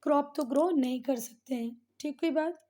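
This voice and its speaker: A woman's voice: high-pitched, normal speed, a little mellow. A woman teaching a school class, patiently explaining and repeating key terms, mixing English textbook phrases into her Hindi and often calling on the students.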